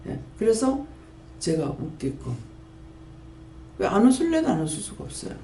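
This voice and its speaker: Speaking at a moderate pace, this Gyeongsang-accented woman in her 50s shares a heartfelt testimony as a sermon, drawing on her role as a prayer house pastor; her storytelling rises and falls in pitch. Slight background noise and faint ambience sit in the echoey recording space.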